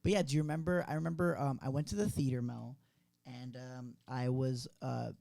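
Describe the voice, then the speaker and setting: A man's voice: mid-range voice, fairly even intonation, a little fast, vocal fry, dark tone, dry recording. A man in his late twenties co-hosting a podcast, telling rambling, profane, slang-filled stories in casual chat. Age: late 20s. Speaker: podcast co-host.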